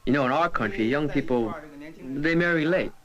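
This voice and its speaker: A man's voice: fairly high pitch, moderate pace, a bit bright. A young man answering and asking questions in a casual interview conversation. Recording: dull, muffled documentary sound.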